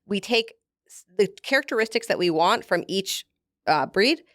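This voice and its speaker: A woman's voice: medium pitch, animated, normal speed, a bit bright, dry recording, studio quality. A woman guest from a beef producer, explaining things at length in a casual interview and laughing easily.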